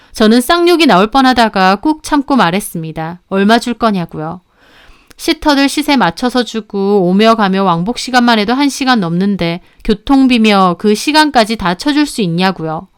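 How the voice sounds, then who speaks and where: A woman's voice: on the high side, clean tone. Heated Korean woman story narrator. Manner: heated, emphatic. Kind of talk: story narration, first person.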